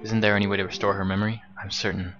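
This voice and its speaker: A man's voice: on the low side, little pitch movement, racing, dull audio, over music, lightly acted. A man voicing a polite, bookish young male scholar in a put-on British accent, formal and eager. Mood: curious.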